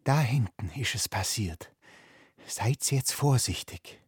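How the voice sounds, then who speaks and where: Man voicing a husky, grim old village woman. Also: animated, slow pace, no room sound, studio quality, full character voice. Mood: hushed. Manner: hushed, urgent low voice.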